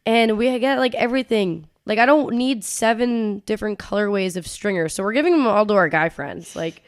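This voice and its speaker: A woman in her twenties co-hosts a podcast, casually telling stories in a brisk, medium-pitched voice that sounds stuffy and congested. Her chatty delivery is full of "like."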